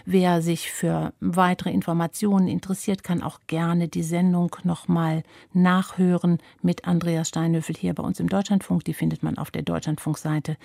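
A woman presenting a book programme on the radio, calm and informative. Her voice is low and mellow, recorded close and dry in a studio. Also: no room sound. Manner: composed, informative. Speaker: radio show host. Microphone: studio mic.

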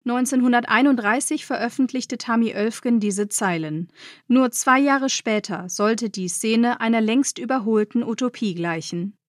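A woman narrating a scripted radio feature on literature, measured and explanatory. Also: fairly high pitch, dry recording, studio quality.

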